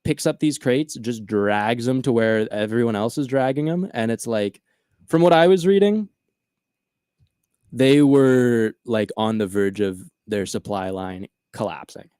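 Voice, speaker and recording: Male podcast host, animated storyteller, casual, dry recording. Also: medium pitch, unhurried, smooth, no room sound.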